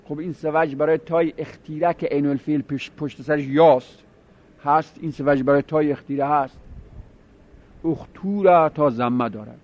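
A man teaching a grammar lesson, explaining step by step and repeating word forms to drill them. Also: on the high side. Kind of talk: seminary-style grammar lesson. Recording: dull lo-fi recording.

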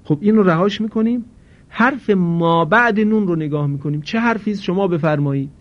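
A man with a slightly high voice leads a grammar lesson at a slow, deliberate pace. He puts questions to his students and answers them himself. The recording is dull and lo-fi. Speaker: Arabic grammar teacher.

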